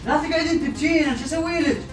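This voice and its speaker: A man trying to calm things down and reason, exasperated, heard in a played video. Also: very high-pitched, rapid-fire. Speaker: prankster in a played clip. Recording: echoey, distant video audio with music.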